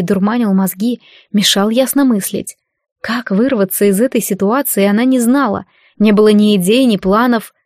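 A woman narrating an audiobook in a steady storytelling manner on a close microphone. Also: fairly high pitch, dry recording. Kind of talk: scripted narration.

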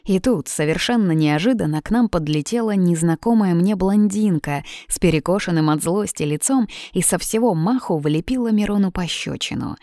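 A woman's voice: lowish voice, dark tone, no room sound, clean studio sound. A woman reading an audiobook in scripted narration, with a lightly ironic storytelling manner.

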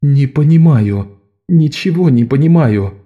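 A man's voice: on the high side, lively intonation, unhurried, phone-quality sound. A man voicing Jean, a blunt, protective adult male thief, firm and commanding. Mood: shaken.

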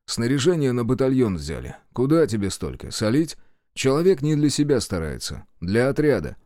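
A man's voice: medium pitch, sing-song, normal speed, darkish tone, no room sound, natural voice. Guy doing a dry sarcastic officer, plain voice, dead close mic. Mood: wry. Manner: sardonic. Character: dry, sardonic male partisan officer.

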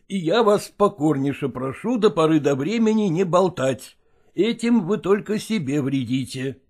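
A guarded, irritable middle-aged stage actor, as the male narrator voices him in an audiobook. He lectures sternly and dodges questions, and his pitch rises and falls widely. The voice sits a little higher than usual for a man. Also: very animated, moderate pace, dark tone. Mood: stern, irritated. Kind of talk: audiobook character voicing.

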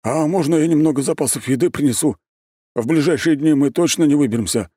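A keen young country fellow, played by a male reader offers help with simple, rustic eagerness. His voice sits much higher than the narrator's deep tone and sounds set apart in timbre. The recording is dry and close. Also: quick pace, warm tone, slightly rough, no room sound. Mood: eager. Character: eager young village man, helpful servant.

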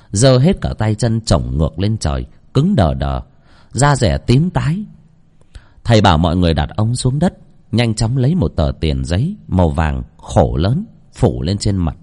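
A man narrating a ghost story with dramatic, expressive delivery. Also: low voice.

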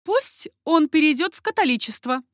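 A haughty noble duchess speaks in a cool, measured, raised voice, put on by a woman reading the story. She sounds commanding and aloof. The sound is dry and close. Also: high voice, animated, dry recording, pitched above the performer's own voice. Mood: imperious.

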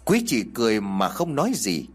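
A man with a husky voice, narrating a ghost story in an expressive, measured way. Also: lowish voice.

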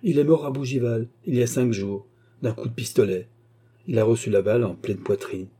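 A man's voice: mid-range voice, brisk, warm tone, breathy edge, close to an everyday voice. A man voicing a cocky, sly young rascal with an insolent, mocking manner in a storybook reading.

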